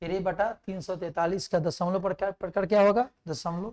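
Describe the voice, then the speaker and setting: A man's voice: high voice, fairly even intonation, brisk, darkish tone. Picture a man walking students through an exam-prep math lesson in careful steps. He poses questions and answers them himself. He reads numbers and multiplication tables aloud as he works. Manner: explains step by step, asks and answers his own questions. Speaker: math teacher.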